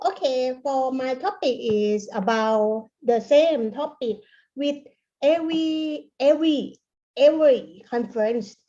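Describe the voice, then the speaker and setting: A university lecturer from Thailand, a native Thai speaker with a Thai accent, gives a keynote conference presentation over an online call. She speaks haltingly and repeats words, in a high-pitched, warm voice. The call audio is dull and lo-fi.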